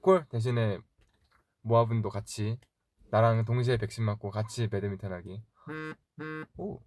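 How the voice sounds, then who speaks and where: Young man chatting softly on a livestream. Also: on the low side, a little hiss or hum. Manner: chatty, rambling, quick laughs, talks softly to himself. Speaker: idol livestream host. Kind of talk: casual livestream chat reading fan comments.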